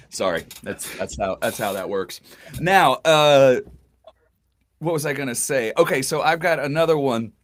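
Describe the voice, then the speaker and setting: A man with a middle-pitched voice hosts a casual interview. He cracks wry jokes and reads out questions sent in by listeners. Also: expressive, unhurried, pauses often, faint music behind. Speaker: interview host.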